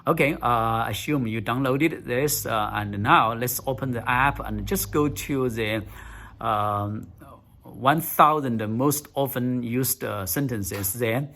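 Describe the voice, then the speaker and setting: In a casual tutorial, a man coaches viewers on speaking English. His medium-pitched voice has a sharp tone, and he talks haltingly, using many fillers and repeating words for emphasis.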